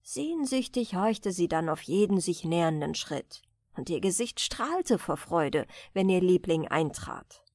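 A woman reading a fairy tale aloud as a soothing bedtime story, in a gentle, expressive manner. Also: lowish voice, a little slow, no room sound, clean studio sound. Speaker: audiobook reader.

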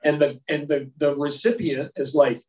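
A man's voice: a little high, little pitch movement, normal speed, a little mellow, far from the mic. A man leading an informal Bible lesson for a men's group, talking emphatically and repeating words for stress. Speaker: men's Bible study leader. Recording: roomy sound from away from the mic.

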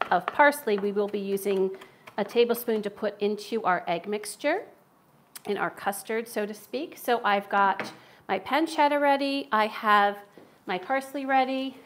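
Her mid-range voice is fairly bright in tone as this middle-aged Philadelphia woman cooks live on stream in a spacious home kitchen, chatty and quick to laugh. A camera across the room catches her, with slight background noise.

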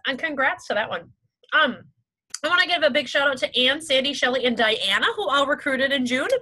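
High, bright-voiced upbeat woman. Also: rough recording. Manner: upbeat, chatty, many "like" and "okay" fillers. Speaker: sales team director leading a meeting. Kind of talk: motivational team meeting talk.

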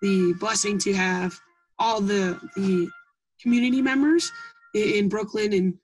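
A woman's voice: medium pitch, measured pace, faint music behind, rough recording. A young woman from Iowa answering interview questions about her project, talking earnestly with many ums and restarts. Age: young adult. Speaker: interviewee, Gold Award scout.

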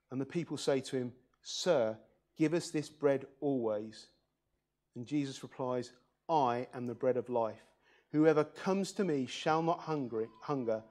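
A man's voice: a little high, a little mellow. A man preaching a church sermon, reading scripture aloud and putting earnest questions to the congregation.

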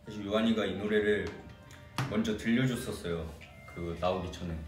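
A man's voice: on the low side, normal speed, over music. A young man from Korea's Jeolla region, chatting casually with fans on a livestream and answering their comments. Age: young adult. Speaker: idol singer hosting a fan livestream. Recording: echoey room, distant mic.

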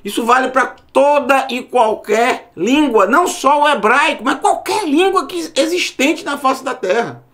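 A fairly high-voiced man teaching Bible Hebrew. He talks slowly and with a lively, rising and falling pitch. He repeats each word and keeps checking that his students follow. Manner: explains slowly, repeats words, asks "né?" and "tá bom?". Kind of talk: recorded Bible Hebrew lesson.

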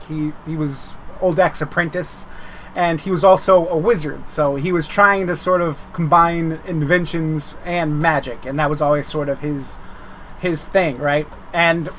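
A man's voice: on the high side, a bit bright, a little hiss or hum. A man giving casual, unscripted update commentary as a game developer, rambling informally and circling back on his words.

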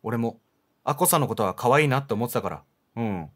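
A man reading aloud the lines of a kind, polite young man in a horror game, calm and subdued. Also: mid-range voice, fast, pitched below the performer's own voice, close to an everyday voice. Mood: gentle.

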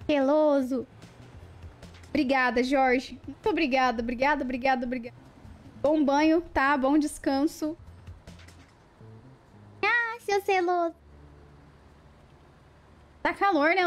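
A young woman chatting casually on a livestream, playful and talkative, greeting viewers one by one. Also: high-pitched. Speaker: live streamer.

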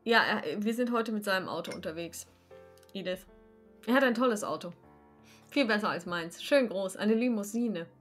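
Female player, mid-pitched, dry in-character delivery, faint background music. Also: normal speed, fairly bright tone. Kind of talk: in-character tabletop role-play. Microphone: video call.

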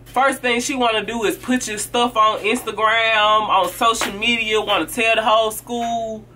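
Sassy, blunt woman vlogger, bright voice. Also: on the high side, steady tone, moderate pace, slight background noise. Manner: blunt, sassy, acts out friends' lines in quoted voices. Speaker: vlogger giving friendship advice. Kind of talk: casual advice talk to camera.

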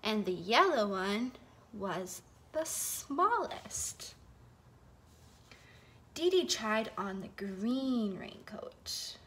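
A young woman tells a children's felt board story in a high, bouncy, sing-song voice that swoops up and down, going very slowly with frequent pauses, expressive whispers and dramatic gasps. It's a phone camera recording held over the felt board in an indoor home living room.

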